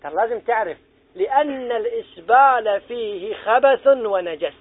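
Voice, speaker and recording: High-voiced preacher, tinny sound. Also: male voice, expressive, normal speed. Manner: earnest, exhorting, asks listeners questions. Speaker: preacher teaching young people. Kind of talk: religious lesson. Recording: tinny phone-like recording.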